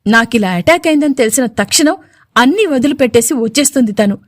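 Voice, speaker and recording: A man's voice: very high voice, animated, fast, no room sound, studio quality. A woman voicing an arrogant, short-tempered young male CEO in a storybook, speaking curtly. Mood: irritated. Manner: curt, irritated.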